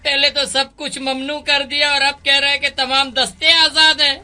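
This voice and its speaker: A man's voice: very high-pitched, level tone, normal speed, noisy background. An actor dubbing a grumbling young male recruit who complains. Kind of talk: Urdu dub acting.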